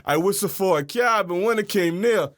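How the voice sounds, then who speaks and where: A man's voice: sits high, normal speed. A man co-hosting a casual podcast, mocking and ranting with frequent laughter. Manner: laughs often, mocking and animated. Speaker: podcast co-host. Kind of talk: casual comedic rant.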